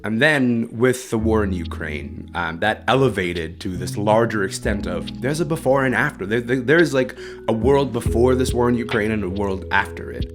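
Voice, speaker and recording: Interview guest, man from Sudan, lowish voice, reflective and casual, faint music behind. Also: moderate pace. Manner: thoughtful, reflective, with fillers like "um" and "like". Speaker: guest, culture writer. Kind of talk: interview over the phone or remote line.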